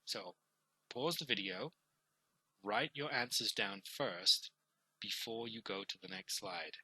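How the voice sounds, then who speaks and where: A man's voice: on the low side, takes it slowly, sharp tone, husky, rough recording. A man teacher giving a recorded online lesson, explaining step by step with fillers and repeated words.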